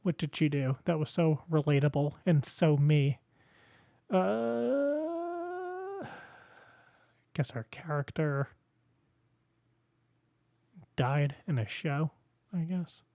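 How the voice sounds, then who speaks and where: A man's voice: on the high side, fairly even intonation, takes it slowly, long pauses, mellow, no room sound, clean studio sound. A young man hosting his own podcast, rambling casually through the sign-off with goofy asides and sing-song fillers, a bit out of breath. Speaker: podcast host.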